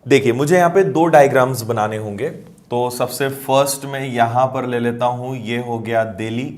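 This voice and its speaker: A man's voice: medium pitch, normal speed, a little mellow. A man teaching maths, explaining word problems step by step and checking that students follow. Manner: explanatory, checks understanding with questions. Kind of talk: explaining math problems on a board.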